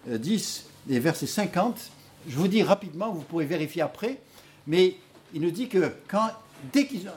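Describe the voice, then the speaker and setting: A man preaching a sermon, telling stories in an animated way with many hesitations. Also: on the high side.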